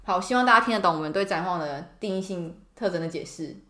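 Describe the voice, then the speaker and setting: A woman's voice: fairly low pitch, fast, fairly bright tone, reverberant. A woman nurse hosting a casual chat, telling work stories with lots of laughter and acted-out voices. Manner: giggly, acts out patients' voices. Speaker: podcast host, nurse.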